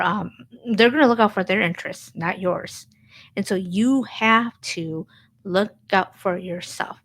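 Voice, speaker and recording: Earnest woman giving motivational advice. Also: mid-range voice. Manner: earnest, encouraging, repeats key phrases. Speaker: channel host. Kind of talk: personal motivational vlog.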